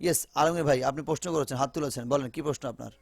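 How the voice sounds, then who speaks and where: A man's voice: medium pitch, fast talker, creaky, slight background noise. A man teaching an online phonetics class, repeating example phrases over and over. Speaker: English teacher.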